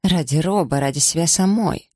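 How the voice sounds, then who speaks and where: A man's voice: a little high, normal speed, mellow, husky, no room sound, studio quality, voice pushed up. A man reading aloud, putting on the voice of a bold, scornful young village woman with a mocking, haughty manner. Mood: desperate.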